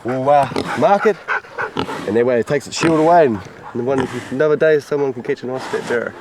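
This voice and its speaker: Out in the bush and grassland, a local pig hunter and guide with a broad New Zealand accent chats casually mid-hunt, using short phrases and laid-back rural slang. His mid-range voice is brisk. The outdoor field recording carries heavy background noise with music playing over it.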